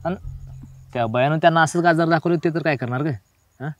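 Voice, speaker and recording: An actor playing a gentle village man who asks questions with concern. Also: a little high, quick pace, no room sound, lightly acted.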